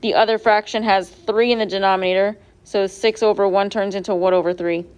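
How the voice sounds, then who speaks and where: A woman's voice: mid-range voice, steady tone, fairly quick, darkish tone, smooth. Patient woman teaching a math class. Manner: patient, step-by-step, quizzes students. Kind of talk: classroom quiz review. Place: classroom with students.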